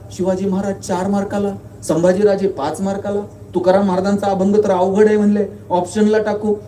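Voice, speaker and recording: High-voiced man giving an echoey hall speech. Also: mellow. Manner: storytelling with rhetorical questions and humor. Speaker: guest speaker. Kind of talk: motivational public speech. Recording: echoey hall, voice from far off, faint noise.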